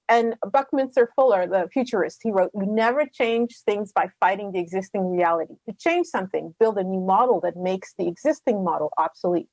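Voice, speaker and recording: Middle-aged woman from Rwanda; earnest, passionate panelist, a bit high, dry sound over a video call. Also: darkish tone, dry recording. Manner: earnest, passionate, quick with fillers. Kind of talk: conference talk.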